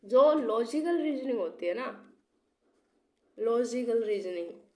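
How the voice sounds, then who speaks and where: Her voice is on the high side and darkish in tone, expressive and slow-paced, as this young English literature teacher lectures for exam prep despite being ill and coughing now and then. Rhetorical questions, repeated key terms and frequent "theek hai" check-ins run through her talk.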